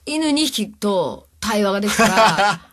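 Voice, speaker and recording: A woman chatting casually in a talk session, cheerful and quick to laugh. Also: medium pitch, animated, fairly bright tone, no room sound, clean studio sound. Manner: cheerful, laughs often, playful. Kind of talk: casual chat.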